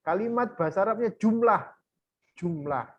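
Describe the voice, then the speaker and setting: A man teaching Quran recitation rules in a workshop, explaining and then chanting verses slowly while counting beats aloud. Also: high voice, lively intonation, a bit bright, slightly rough, highs cut off. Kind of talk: online workshop lesson with recited examples.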